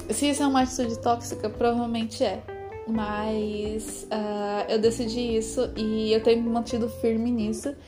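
A woman in her twenties talking through a rambling, hesitant, confessional personal vlog with lots of fillers. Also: fairly high pitch. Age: 20s. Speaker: vlogger. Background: background music.

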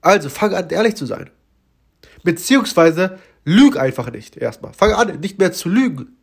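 A man hosts a motivational podcast alone while clearly congested and tired. His voice sits a little high and sounds nasal and stuffed up. He talks informally and earnestly, addressing the listener directly. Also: very animated, normal speed. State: badly congested, blocked swollen nose; very tired, unwell. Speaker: podcast host.

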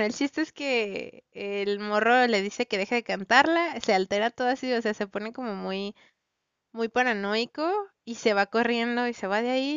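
A woman with a Mexican Spanish accent chats to her viewers, retelling a plot in loose, slangy, rambling speech with plenty of fillers. Her voice is very smooth and resonant. The recording is dry and a bit dull, like lo-fi home audio. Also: fairly high pitch, a bit bright, dry recording. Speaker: vlogger recounting a story.

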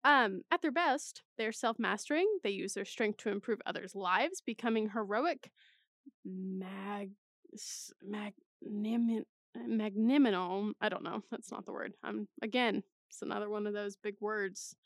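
A woman's voice: medium pitch, moderate pace, a bit bright, no echo, studio quality. A young woman in college reading personality test results aloud in a casual way, with chatty, self-mocking asides. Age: young adult. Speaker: vlogger.

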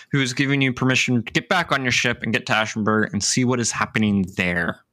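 A man's voice: mid-range voice, sharp tone, no room sound. A man hosting a tabletop game as game master, chatty and lightly joking as he recaps the story.

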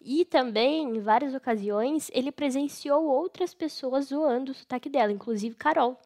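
A woman's voice: sits high, moderate pace, darkish tone. Gossipy, sarcastic young woman chatting. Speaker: podcast host. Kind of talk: casual chat commenting on a reality show.

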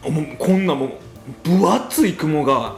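A man's voice: a little high, unhurried, creaky, over music. A man with a Kansai accent telling stories in casual chat, animatedly voicing both sides of conversations. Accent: Kansai Japanese. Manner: animated, acts out quoted exchanges. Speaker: podcast co-host telling an anecdote.

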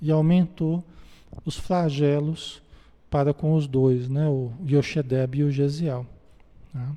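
A man's voice: fairly high pitch, fairly even intonation, slow pace, warm tone, big-room sound. A man with a Brazilian Portuguese accent leads a Spiritist study group. He reads passages from a book and comments on them conversationally, ending most phrases with a questioning tag and speaking directly to his listeners. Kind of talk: reading a book aloud and commenting on it.

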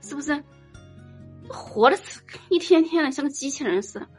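A woman giving an informal dharma talk as a Buddhist teacher, blunt and teasing, telling lively stories. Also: sits high, normal speed, faint music behind. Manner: blunt, teasing, animated storytelling.

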